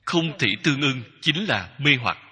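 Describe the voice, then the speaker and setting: A man giving a Buddhist dharma talk as a teacher, speaking in slow, measured short phrases that repeat. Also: mid-range voice, lively intonation, bright, forceful tone, slightly rough. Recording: long hall reverb.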